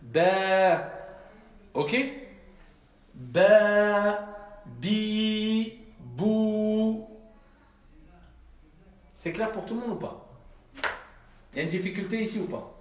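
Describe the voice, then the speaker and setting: A man's voice: high voice, lively intonation, moderate pace, pauses often. A man teaching a class, patient and repetitive, often checking that his students have understood. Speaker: Arabic teacher. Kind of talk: classroom lesson. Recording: echoey room.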